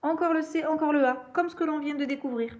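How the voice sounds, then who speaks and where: A young woman who teaches primary school gives a reading and handwriting lesson, patiently going through sounds step by step. Her voice is high-pitched and her pace is quick.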